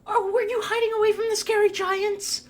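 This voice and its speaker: A game master voicing a small young spider with a tiny, squeaky, pixie-like voice, gentle, childlike and innocent in a tabletop game. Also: flat delivery, a little fast. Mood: shy, caring. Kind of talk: tabletop role-play character voice.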